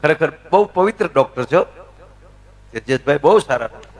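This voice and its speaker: A man's voice: on the high side, lively intonation, brisk. Gujarati man telling stage stories. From Gujarat, India. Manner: chatty anecdotes, talks to the crowd. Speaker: folk comedian and storyteller. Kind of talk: live stage storytelling.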